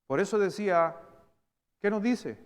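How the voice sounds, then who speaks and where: A high-pitched man with a Chilean Spanish accent preaches in a church hall. His voice rings with a long reverb. He shifts from loud, emphatic bursts to slow, hushed stresses. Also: lively intonation, clean tone. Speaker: pastor. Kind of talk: sermon.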